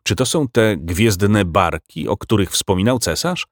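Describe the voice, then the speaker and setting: Man playing a shy lost sea captain, hesitant and slow, low voice, audiobook fantasy, dry close recording. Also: big pitch swings, no echo. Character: timid, bewildered male ship captain.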